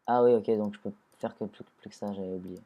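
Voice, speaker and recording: A man's voice: fairly low pitch, fairly even intonation, fast talker, warm tone. A man giving casual, rambling gameplay commentary, often restarting sentences and talking to the creatures in the game. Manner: rambling, self-correcting, talks to his creatures.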